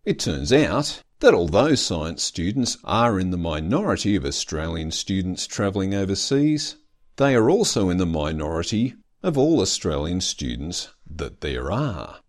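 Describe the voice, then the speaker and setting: Low-voiced man with dry, lively delivery. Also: unhurried. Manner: dry, self-mocking humor. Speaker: podcast host, doctoral student. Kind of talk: scripted podcast narration.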